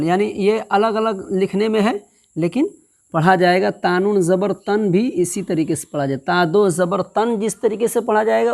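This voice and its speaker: Her pitch fairly low and her tone a little mellow, a woman leads a step-by-step recitation lesson in reading the Quran. She goes syllable by syllable, repeating each one slowly and patiently, and keeps asking "understood?" to confirm the learner has it.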